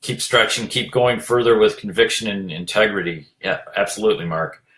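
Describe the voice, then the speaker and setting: A man giving an earnest motivational talk as a leadership coach, urging listeners on, repeating his phrases and filling pauses with "you know". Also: lowish voice, a bit bright.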